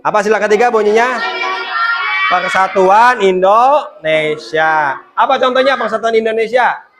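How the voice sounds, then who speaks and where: A teacher giving a classroom lesson, quizzing the pupils with quick questions and explaining each answer. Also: mid-range voice, steady tone. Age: adult.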